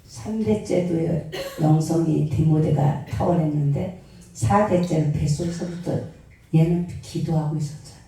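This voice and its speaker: A woman in her sixties, a pastor, preaching a sermon and telling a story with lively, acted-out scenes. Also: sits low, unhurried, vocal fry. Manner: animated storyteller acting out scenes. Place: prayer retreat hall. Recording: echoey hall, voice from far off.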